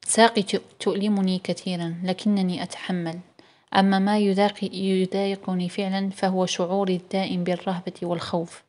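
A woman's voice: medium pitch, little pitch movement, brisk, darkish tone, close to an everyday voice. Woman voicing a young man with an injured leg.

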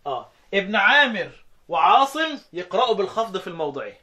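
High-voiced Egyptian man teaching recitation. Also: big pitch swings, sharp tone. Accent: Egyptian Arabic. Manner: chants verses slowly between quick spoken explanations. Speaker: teacher of Quran recitation readings. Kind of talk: interactive lesson, quizzing students.

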